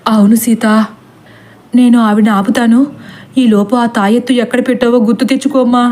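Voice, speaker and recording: A woman voicing an older man, a protective uncle who talks in a calm, reassuring way in a storybook tale. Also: on the high side, fairly quick, lightly acted.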